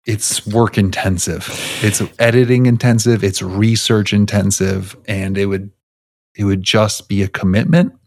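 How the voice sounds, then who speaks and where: Gravelly low-voiced man rambling. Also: darkish tone, no echo, studio quality. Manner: rambling, self-interrupting, laughs often. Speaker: podcast co-host. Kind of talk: casual chat.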